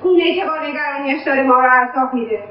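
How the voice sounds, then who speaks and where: A woman's voice: sits high, slight background noise, lightly acted. A woman playing a reproachful grown daughter. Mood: accusing. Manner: accusing, reproachful. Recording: echoey, distant, dull lo-fi sound.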